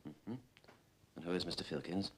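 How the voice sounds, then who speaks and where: An actor playing a combative naval prosecutor, sarcastic and quarrelsome. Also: male voice, deep voice, fairly even intonation, normal speed, a little hiss or hum, close to an everyday voice. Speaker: prosecuting officer.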